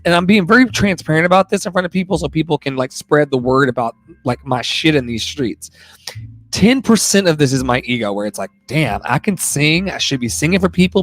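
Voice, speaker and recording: A man with a voice on the high side, recorded dry, hosts a live audio room show and also sings. His livestream chat is casual and rambling, delivered in an effusive, slangy, profane manner.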